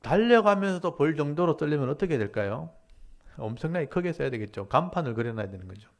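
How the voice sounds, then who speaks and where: Gravelly-voiced Korean pastor teaching scripture. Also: male voice. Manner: reads scripture aloud slowly, then explains it in lively everyday speech; acts out the prophet's complaints with sharp rises in pitch and loudness. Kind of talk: Bible lecture sermon.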